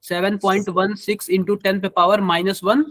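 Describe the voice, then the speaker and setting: A man's voice: high voice, level tone, normal speed, a bit bright, dry recording. A man with a Hindi accent teaching a live online chemistry class, quizzing students and using everyday examples.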